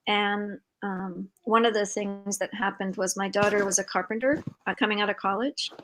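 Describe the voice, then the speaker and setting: An older woman hosting a live video-call interview, talking in a warm, rambling way with many fillers. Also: medium pitch, steady tone, normal speed, slight background noise, poor audio. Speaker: host and founder of an organization. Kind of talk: casual conversational interview.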